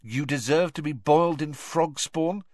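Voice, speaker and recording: A man's voice: on the high side, measured pace, darkish tone, no echo, clean studio sound, pitched above the performer's own voice, lightly acted. A man voicing a flustered teenage witch in a storybook reading. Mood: desperate.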